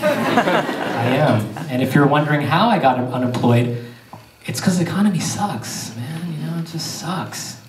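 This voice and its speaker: On a theater stage before an audience, a stand-up comedian from Pakistan does loose, self-mocking material and crowd work. His slightly high voice is unhurried with lively intonation. The recording is echoey, with a distant mic and crowd noise.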